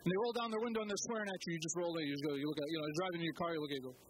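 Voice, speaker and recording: A man giving an animated spoken-word talk at an open mic, with dramatic pauses and sudden jumps in pitch for emphasis. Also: noisy background.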